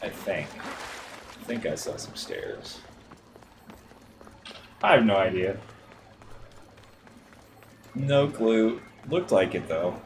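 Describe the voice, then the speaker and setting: A man's voice: deep voice, very animated, drawn-out words, gravelly, pauses often. A man streaming a video game live, muttering and swearing casually at it as he plays. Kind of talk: casual gameplay commentary. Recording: noisy livestream audio.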